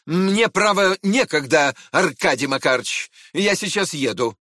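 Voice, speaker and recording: A man reading aloud and voicing an irritable, proud middle-aged prince who snaps and shouts. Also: a little high, animated, measured pace, dry recording, clean studio sound, pitched above the performer's own voice. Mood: irritated, scornful. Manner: snappish, shouting and scolding.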